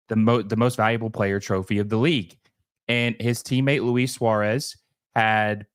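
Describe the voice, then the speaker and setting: A man who is feeling sick, with a hoarse, scratchy voice, hosting a casual livestream of soccer commentary in a halting way that often repeats phrases. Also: on the low side, no room sound, studio quality. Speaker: host of a soccer show.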